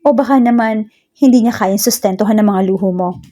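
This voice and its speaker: A woman's voice: mid-range voice, brisk, mellow, lightly acted. A woman voicing a cold, angry rich man. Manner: curt, contemptuous.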